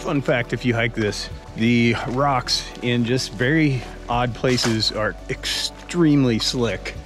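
Out in a creek canyon, a man in his forties hosts a hiking vlog, speaking slowly in a medium-pitched voice. He chats and jokes between laughs into a camera mic held at arm's length while music plays in the background.

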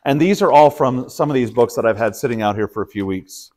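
A Texas pastor leads a casual Bible study in a church study room, explaining things conversationally with lots of fillers and restarts. His voice is mid-range, brisk, and a little mellow.

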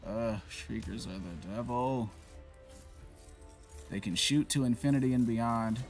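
Soft music plays behind a gaming channel host who comments loosely on a shooter game, cursing, venting and joking at his own expense. He speaks in a mid-range voice at a measured pace.

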